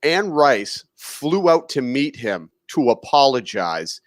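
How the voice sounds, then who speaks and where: A man's voice: mid-range voice, takes it slowly, dry recording, studio quality. Laid-back male podcast co-host. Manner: relaxed, says dude a lot. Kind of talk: casual podcast chat.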